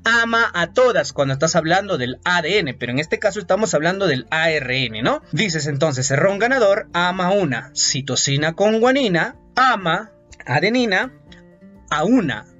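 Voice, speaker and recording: Guy teaching biology, voice jumps all over, kinda high, muffled audio w/ faint music. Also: moderate pace. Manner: lively, playful, asks students questions. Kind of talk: animated lecture with mnemonics.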